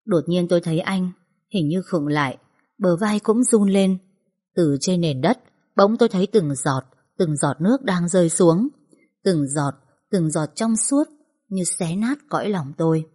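A woman narrating a first-person story in a soft, sorrowful way. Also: fairly low pitch, animated, measured pace, slightly rough.

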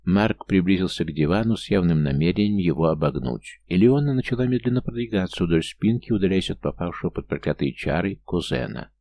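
A man narrating an audiobook in a steady storytelling manner. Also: low voice, fairly quick, few pauses.

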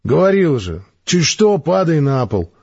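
A man playing a gruff, dryly teasing male space major. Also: on the low side, animated, moderate pace, a little mellow, highs cut off, exaggerated voice.

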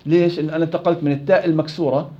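Guy teaching recitation rules, quick and mellow, dull lo-fi recording. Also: a little high, fairly even intonation. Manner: explains rules, then quizzes students. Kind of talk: classroom lecture.

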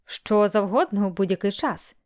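A woman's voice: medium pitch, normal speed, darkish tone, lightly acted. A woman reading a teasing young man. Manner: playful teasing. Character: young man, teasing, cheerful best friend.

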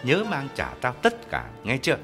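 A man's voice: medium pitch, huge pitch swings, moderate pace, over music. A man voicing a hot-tempered middle-aged man who barks angry demands. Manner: gruff, shouting, demanding.

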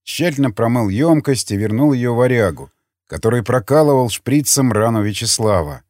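A man narrating an audiobook in an expressive reading style. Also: mid-range voice, moderate pace, dry recording, studio quality. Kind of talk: scripted narration.

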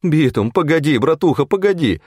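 A man voicing a scared young junkie who pleads and fawns in a hurried, whiny way. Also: on the high side, very animated, a little mellow, dry recording, clean studio sound, pitched above the performer's own voice. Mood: whiny, pleading.

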